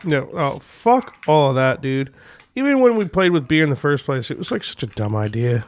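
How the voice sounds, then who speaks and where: A man's voice: fairly high pitch, sing-song, brisk. A young man chatting casually as a podcast host in crude, swearing frat-bro talk. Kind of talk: casual chat.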